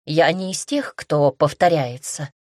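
A woman's voice: low voice, a little slow, dry recording, clean studio sound. A woman voicing a coy, playful young pupil. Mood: coaxing. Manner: playful, coaxing, a bit brighter.

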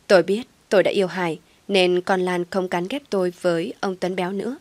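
A woman's voice: fairly low pitch, steady tone, brisk, a little mellow, no echo. A woman narrating a first-person audio story, reading every character's lines in her own voice. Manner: reads all characters' dialogue in her own voice.

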